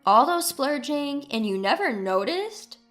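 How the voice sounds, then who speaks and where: A woman narrator acts the part of a scornful, newly independent ex-wife in a dramatized story, sounding smug, mocking and cutting. Her high voice swoops with indignation, very animated yet unhurried, with faint music underneath.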